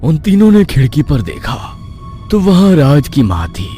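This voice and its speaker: A man's voice: a little high, wildly swooping pitch, a little slow, soft background music. Man narrating a suspenseful horror story. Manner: hushed, suspenseful.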